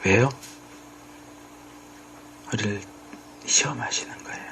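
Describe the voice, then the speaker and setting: A man's voice: on the low side, takes it slowly, noisy background. A male pastor giving a conversational sermon, acting out bits of dialogue as he explains. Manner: conversational preaching, acts out quoted dialogue.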